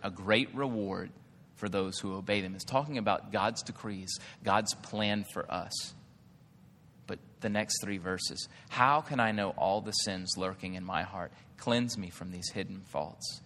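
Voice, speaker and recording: A man's voice: fairly low pitch, fairly bright tone, in a large hall. A man, a pastor preaching a sermon in a loose, conversational way, often asking the congregation questions. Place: church hall.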